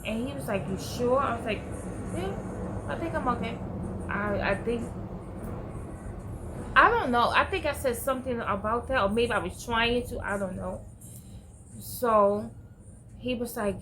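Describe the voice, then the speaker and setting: A middle-aged woman telling a personal story in a vlog, halting and searching for words with many restarts. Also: mid-range voice, background noise. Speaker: vlogger.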